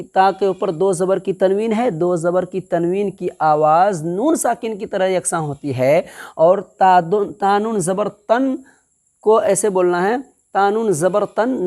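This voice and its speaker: This Quran reading lesson proceeds step by step, led by a woman whose voice is on the low side and slightly mellow. She patiently sounds out syllables, says them slowly more than once, and checks comprehension by asking "understood?".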